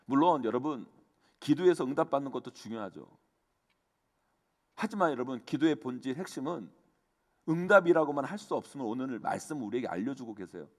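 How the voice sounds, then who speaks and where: A man's voice: mid-range voice, expressive, fairly quick, pauses often, a little mellow. A man, the senior pastor, preaching a fervent sermon and addressing the congregation again and again. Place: church sanctuary. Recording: long church hall reverb.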